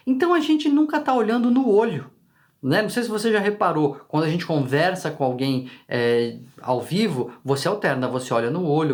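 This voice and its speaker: A man with a Brazilian Portuguese accent hosting his channel, explaining casually to the viewer and often tagging questions on to his sentences. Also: a little high. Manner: conversational, frequent tag questions to the viewer; talks directly to the viewer. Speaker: channel host.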